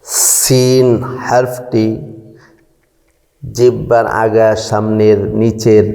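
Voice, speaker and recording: A man gives a slow, measured lesson and draws out each letter sound at length. His voice is dark and mellow with a flat, even pitch. A long reverb trails behind him. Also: vocal fry. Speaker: Quran recitation teacher. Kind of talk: slow instructional explanation.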